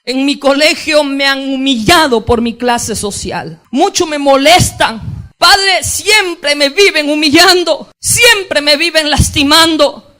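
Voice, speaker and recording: A man voicing a boy who is hurt by bullying, speaking in a slow, pleading way within a sermon. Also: extremely high pitch, sharp tone, exaggerated voice. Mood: distressed. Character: boy hurt and bullied at school.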